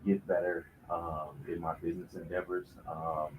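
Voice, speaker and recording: A man co-hosting in casual chat, with a low-key, hesitant delivery. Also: level tone, normal speed. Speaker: co-host. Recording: muffled with faint background noise.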